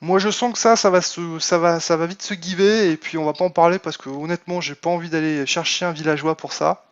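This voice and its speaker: A man's voice: fairly high pitch, fairly even intonation, brisk. Chatty man streaming a game, muffled mic. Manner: chatty, thinks aloud with many fillers, reads chat aloud. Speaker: Minecraft modpack streamer. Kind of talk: casual live let's play commentary.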